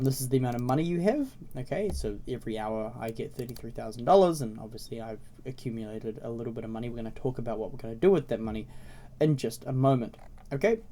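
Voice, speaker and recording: A man with a slightly raspy voice, congested with a cold, giving a casual, explanatory game tutorial as a video host. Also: medium pitch, animated, quick pace, warm tone. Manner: informal, explanatory, often checking in with "okay?" and "right?". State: congested with a cold, frequent throat clearing. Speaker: video host introducing a browser game series.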